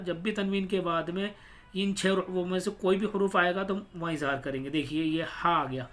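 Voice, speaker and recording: A man with a high, bright voice teaches a Quran reading lesson. He explains each rule patiently, then sounds out the words syllable by syllable at a slow, deliberate pace.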